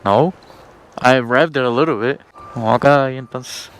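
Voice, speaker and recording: A man's voice: mid-range voice, moderate pace, low-quality recording. A man chatting casually as a motorcycle vlogger, slangy and switching between English and Spanish. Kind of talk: casual vlog chat while riding. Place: outdoors on a motorcycle. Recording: loud engine and traffic noise.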